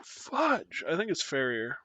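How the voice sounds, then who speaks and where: A man's voice: mid-range voice, expressive, measured pace, pushed and bright, clean tone. A young man chatting casually with his viewers at the end of a live stream, sleepy and rambling in a self-deprecating way. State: sleepy, yawning. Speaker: Twitch streamer.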